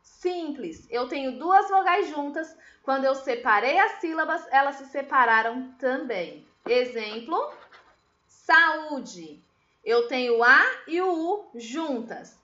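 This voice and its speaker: A woman's voice: high-pitched, lively intonation, unhurried, fairly bright tone, reverberant, lo-fi sound. A woman teacher giving a recorded lesson, explaining patiently step by step and asking her pupils questions. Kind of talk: recorded remote class lesson.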